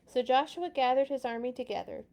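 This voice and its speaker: This children's read-along host is a woman with a high-pitched yet gravelly, darkish voice who reads a little fast. Her storybook reading is expressive, with dramatic emphasis on key words and casual, conversational asides.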